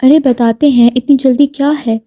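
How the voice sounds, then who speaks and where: Brief: woman voicing a smug policeman, mocking tone, mellow higher voice. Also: steady tone, dry recording, studio quality, lightly acted. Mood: sarcastic. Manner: sarcastic, dismissive. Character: sarcastic male police officer.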